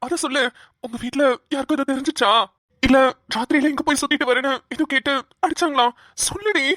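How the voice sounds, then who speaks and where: A woman's voice: high-pitched, quick pace, a bit bright, no echo, studio quality. A woman voicing a caring but pushy young woman in a cartoon, pressing questions. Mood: insistent. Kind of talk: cartoon voice acting.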